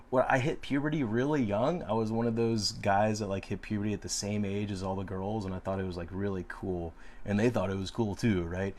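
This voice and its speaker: A man's voice: lowish voice, darkish tone. A man in his late thirties hosting a casual live Q&A, answering viewer questions in a frank, rambling way with frequent fillers and restarts. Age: 30s.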